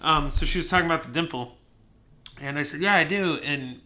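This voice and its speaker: A man's voice: a little high, fairly quick, sharp tone. A man co-hosting a podcast in a bar, telling stories in a chatty way and laughing often, with a sore throat. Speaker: podcast co-host. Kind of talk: casual chat.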